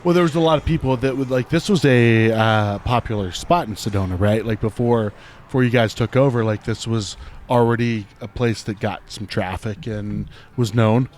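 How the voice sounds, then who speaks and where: A man's voice: mid-range voice, normal speed, hardly any pauses, darkish tone, slight background noise. Laid-back joking man co-hosting. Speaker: podcast co-host. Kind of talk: casual chat.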